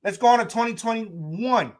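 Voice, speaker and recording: A man hosting a casual sports talk show, speaking in an animated way, repeating himself and talking straight to his listeners. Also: sits high, normal speed.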